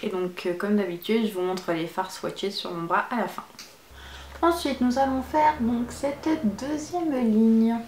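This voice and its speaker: A woman's voice: fairly high pitch, measured pace, darkish tone, reverberant, a little hiss or hum. A woman beauty vlogger chatting casually through a makeup palette review, enthusiastic about each shade.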